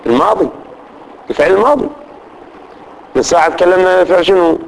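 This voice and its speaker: A man teaching grammar to a class, reciting lists of pronouns slowly and often checking that students follow. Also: high-pitched, expressive, gravelly, rough recording. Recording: faint background noise.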